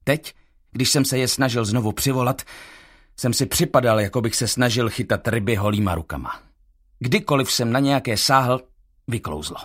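A man reading a first-person audiobook in a measured, tense storytelling manner. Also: medium pitch. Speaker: audiobook narrator.

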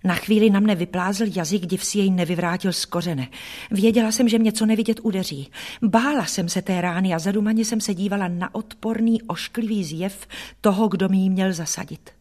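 A woman reading a first-person story aloud as an audiobook narrator, steady and even. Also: mid-range voice.

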